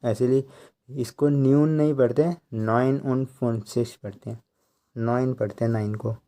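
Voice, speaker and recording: A man giving a slow tutorial, counting out numbers one by one and explaining how each is read. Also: mid-range voice, steady tone, mellow. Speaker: language teacher.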